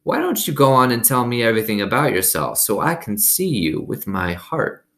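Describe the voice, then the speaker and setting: A man's voice: mid-range voice, very animated, creaky, a bit bright, voice pushed up. A man voicing a kindly old woman with failing eyes and folksy rural speech in a storybook read-aloud. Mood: gentle, earnest. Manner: folksy rural dialect, drawn-out phrases.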